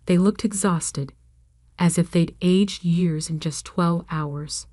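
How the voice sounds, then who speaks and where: A woman reading a first-person revenge story as scripted narration, with measured, even delivery. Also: lowish voice, dry recording, studio quality.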